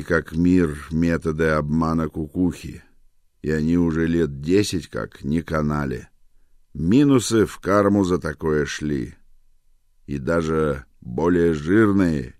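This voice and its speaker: A man reading a novel aloud as an audiobook narrator, in an even, measured storytelling manner. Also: rumbling low, no room sound, studio quality. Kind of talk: scripted narration.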